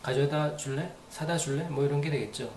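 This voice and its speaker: A man's voice: on the high side, a little fast, a little mellow, reverberant, slight background noise. A man giving a casual, rambling spoken lesson, repeating phrases aloud to demonstrate them. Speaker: English teacher.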